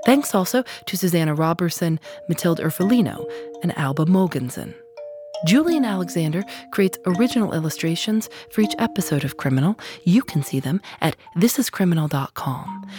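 An American woman with a raspy, hoarse voice, reading scripted narration and credits as a podcast host. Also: on the low side. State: getting over hoarseness.

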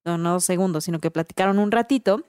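A woman with a Mexican accent, telling a story in a casual, animated way, full of slang and tag questions. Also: on the low side, quick pace, smooth, no room sound, studio quality. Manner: animated, slangy, tags lines with "¿no?" and "güey".

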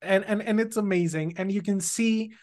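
Interviewer, encouraging, affirming, average pitch. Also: normal speed, darkish tone. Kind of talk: conversational interview.

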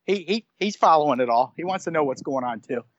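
A man's voice: on the high side, lively intonation, fast, no echo, lo-fi sound. A man reporting on college football recruiting in casual podcast chat, rambling and correcting himself as he goes. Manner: rambling, self-correcting, many restarts. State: hiccups.

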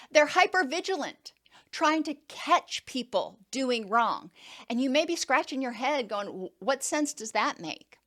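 A woman's voice: fairly high pitch, a bit bright. A woman counselor giving an educational talk, explaining with everyday examples.

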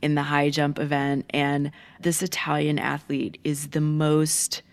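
A woman's voice: sits low, completely flat delivery, a little slow, clean tone. A woman co-hosting a podcast, chatting enthusiastically about feel-good stories. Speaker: podcast co-host. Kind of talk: casual chat.

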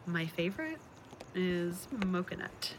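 A woman on a dinner date speaking scripted romantic lines, teasing and quick to laugh. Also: fairly low pitch, sing-song, background noise.

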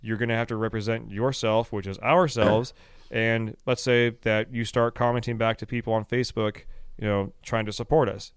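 Podcast host, male, smooth resonant voice, dry close sound, animated ranting delivery. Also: on the low side, moderate pace, dry recording. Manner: animated, ranting, laughing, acts out quoted exchanges. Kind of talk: casual podcast chat.

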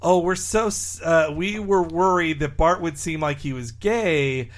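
A man's voice: on the high side, unhurried. A man co-hosting a podcast, casually talking through a TV episode. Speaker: podcast co-host. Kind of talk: casual chat, TV episode commentary.

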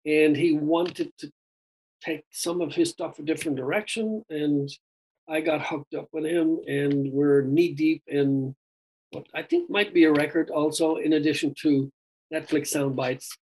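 In a low-quality recording, a guest singer with a slightly high, somewhat mellow voice talks unhurriedly and with fairly even intonation. The interview is a casual chat where he rambles and frequently says "dude."

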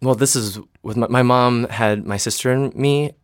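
A man's voice: medium pitch, steady tone, moderate pace, clear, resonant tone, dry recording, studio quality. A young man from Michigan in his twenties, an actor and singer, chatting casually as an interview guest, hesitant with many fillers and restarts. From Michigan, United States.

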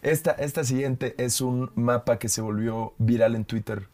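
Young Mexican man with a Yucatecan accent. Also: mid-range voice. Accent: Yucatecan Spanish. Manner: relaxed, storytelling with quick restarts. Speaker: guest, video creator. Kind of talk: casual conversation.

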